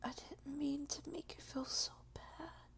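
Apologetic and pleading, a woman whispers breathily and creakily as a clingy, submissive lover in tears, halting and repeating herself throughout this intimate audio roleplay. Her voice is high, and the intonation stays fairly even.

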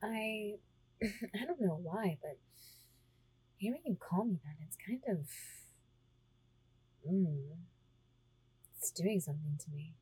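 A woman with a low, mellow voice speaks slowly right at the microphone in an intimate roleplay. Her tone is very breathy and husky, and she teases, easing in and out of whispers. The delivery stays hushed and close throughout. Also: lively intonation, dry recording, rough recording. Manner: teasing, slips between soft talk and whispers. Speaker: audio roleplay performer.

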